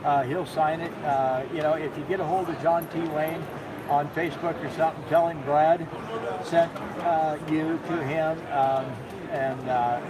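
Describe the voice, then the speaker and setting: A man's voice: on the high side, steady tone, unhurried. A man in his sixties demonstrating knife sharpeners at an outdoor show, talking in a folksy, rambling way with many fillers. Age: 60s. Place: outdoor gun show, crowd around. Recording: loud crowd noise behind.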